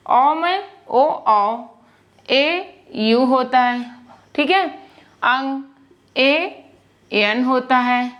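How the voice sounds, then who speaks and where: A woman's voice: high voice, muffled recording. A young woman teaching English spelling in a live lesson, explaining step by step and checking in often.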